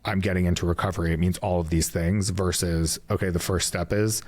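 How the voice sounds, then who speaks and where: A man hosting a podcast interview, measured and affirming as he sums up his guest's points. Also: low voice, fairly even intonation, a little mellow. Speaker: podcast host. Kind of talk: reflective interview talk.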